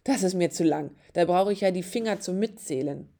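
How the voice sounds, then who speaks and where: A woman voicing a gentle young pregnant woman in a storybook reading. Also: lowish voice, brisk, vocal fry. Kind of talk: storybook narration.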